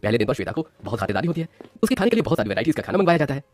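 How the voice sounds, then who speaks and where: A man narrating a cartoon story as a lively storyteller. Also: mid-range voice, rapid-fire, dry recording, soft background music.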